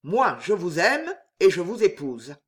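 Storybook villain: frail, scheming nobleman, low growl, mocking menace, drawn out slowly, voiced by a woman reader. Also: big pitch swings. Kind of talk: audiobook character reading.

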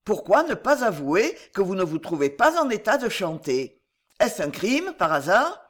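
A reader voicing a menacing male bullfighter who speaks with calm, cold scorn. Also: mid-range voice, normal speed.

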